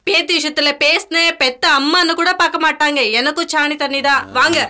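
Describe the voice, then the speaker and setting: A woman's voice: high voice, fairly even intonation, fairly quick, bright, forceful tone. An actress playing a young wife and mother who speaks urgently and in exasperation.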